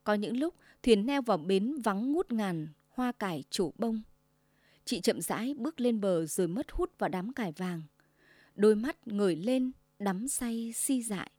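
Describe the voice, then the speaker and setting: A woman narrating a sad folk tale in a slow, lyrical and emotive way. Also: mid-range voice, animated, dark tone, dry recording. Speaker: storyteller. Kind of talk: scripted story narration.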